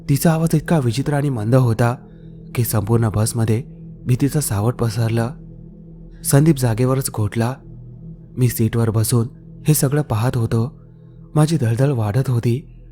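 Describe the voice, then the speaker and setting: A man narrating a scripted horror story in a slow, hushed, suspenseful way. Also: mid-range voice. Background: faint eerie background music.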